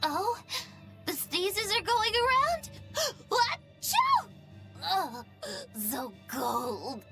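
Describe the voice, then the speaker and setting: A playful, theatrical young witch in a video game, very high-pitched and bright. She teases with a lively, sing-song delivery over game music. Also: extremely slow, full character voice. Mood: chilly. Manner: theatrical, teasing. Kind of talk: game voice acting.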